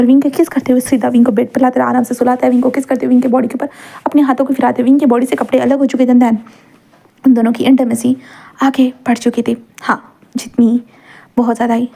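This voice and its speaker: A woman's voice: high-pitched, little pitch movement, fast talker, gravelly, warm tone. A woman storyteller narrating a romance story in a chatty, casual way, dropping English words into her telling.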